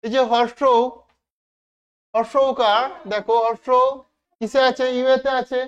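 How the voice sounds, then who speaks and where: A woman teacher giving a classroom lesson to children, spelling out words slowly letter by letter and checking that everyone understands. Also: a little high, fairly even intonation, clear, resonant tone. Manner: slow, step-by-step spelling out of letters. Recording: dull lo-fi recording.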